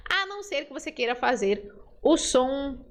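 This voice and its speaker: A woman from Brazil with a bright, high-pitched voice teaching an online Spanish lesson. She talks in a chatty, lively way and stretches out each word she models for learners to repeat. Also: normal speed.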